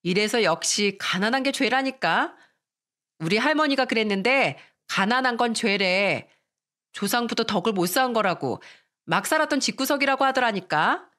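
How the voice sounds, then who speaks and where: A woman's voice: on the high side, expressive, moderate pace, a bit bright. A woman voicing a spiteful, haughty schoolgirl who taunts a poorer classmate in a sneering tone.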